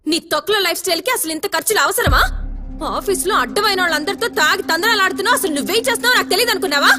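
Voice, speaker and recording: A woman's voice: very high-pitched, racing, over music. An actress with a Telugu accent playing a defiant, sarcastic wife who taunts her husband in a film drama. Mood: scolding.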